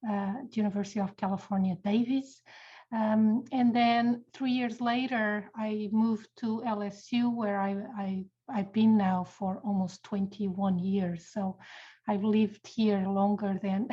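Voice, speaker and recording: A woman speaks on a panel in a thoughtful, unhurried way. Her voice sits at a middle pitch. The audio is muffled and lo-fi. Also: a little mellow. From Portugal. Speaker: chemistry professor on a panel. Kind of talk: panel discussion.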